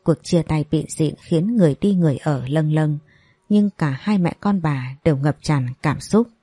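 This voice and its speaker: A woman reads a dramatic audio story in a quick, steady narration. Her voice is low and husky with a mellow, dry closeness. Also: no room sound. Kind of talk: scripted narration.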